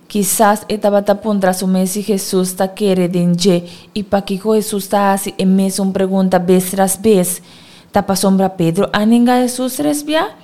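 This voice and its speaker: Woman, slow steady storyteller, mid-pitched voice. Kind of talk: reading a Bible story aloud.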